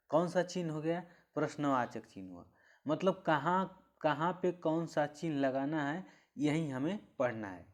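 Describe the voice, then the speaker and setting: A man teaching a grammar lesson for an exam, repeating phrases slowly as he explains each point. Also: fairly high pitch, darkish tone.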